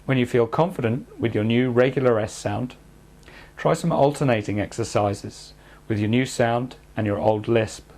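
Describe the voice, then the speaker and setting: A man calmly guiding listeners through speech therapy exercises in a measured instructional narration. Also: medium pitch. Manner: calm, measured, step-by-step coaching.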